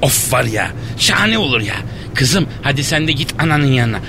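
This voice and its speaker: An actor playing a brash, careless ship captain in a comic radio play, talking in blustering street slang. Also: male voice, very animated, moderate pace. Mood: jovial. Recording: noisy, rumbling background.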